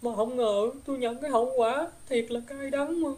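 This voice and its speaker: A woman's voice: fairly high pitch, normal speed, darkish tone, lightly acted. A woman with a Southern Vietnamese accent voicing the ghost of a young woman, a gossip who now regrets her deeds, rambling through her story with filler particles. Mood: rueful telling. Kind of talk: spirit possession drama.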